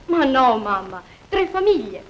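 An actress playing a jealous, tearful young fiancée in a 1940s film, her voice breaking into shrill complaints. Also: sing-song, measured pace, lo-fi sound, slight background noise. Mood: aggrieved.

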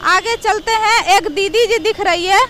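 A woman's voice: very high-pitched, unhurried. A woman street reporter, chatting with passersby and coaxing them with questions on a busy street. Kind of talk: street vox pop reporting. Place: busy street crossing outdoors.

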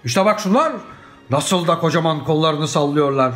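A man voicing an old, deluded would-be knight in a storybook reading, bombastic and given to shouting battle cries. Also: a little high, normal speed, faint music behind, lightly acted. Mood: boastful. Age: older.

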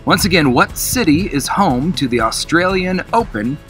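A man's voice: on the high side, animated, moderate pace, music in the background. An upbeat middle-aged man, a cruise director, casually hosting a quiz to camera outdoors. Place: outdoors in an open park.

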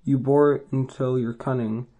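A man's voice: mid-range voice, steady tone, normal speed, warm tone, slight background noise, lightly acted. A man reading the lines of a weary ancient hero who broods grimly over his troubles, in a mostly everyday voice. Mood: brooding.

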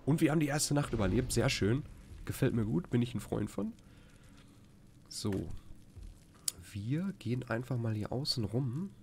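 German-accented guy, mid-pitched, rambling let's-play chatter with faint game noise under him. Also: animated, moderate pace, long pauses, a little mellow. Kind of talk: casual gameplay commentary.

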